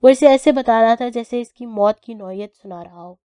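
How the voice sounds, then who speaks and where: Woman reading a romance novel aloud, highish warm voice, dry close sound. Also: dry recording. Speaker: audio novel narrator. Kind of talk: scripted story narration.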